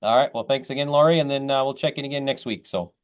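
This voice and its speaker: A man's voice: mid-range voice, quick pace. A man hosting a casual community interview program, with an informal, folksy way of talking. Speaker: host of a local chat program.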